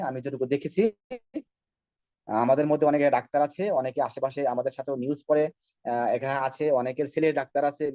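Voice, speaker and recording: A man from Bangladesh, speaking, presents slides in an online training call. He talks at a brisk clip in a low, mellow voice, and the sound is dry and close. He keeps posing rhetorical questions and checking that his listeners are following. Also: no echo. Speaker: product trainer.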